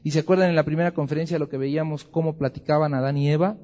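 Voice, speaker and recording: A man's voice: a little high, racing. A man teaching a Bible class with humor, acting out little scenes. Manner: humorous, lively, acts out scenes. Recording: dull lo-fi recording in a reverberant hall.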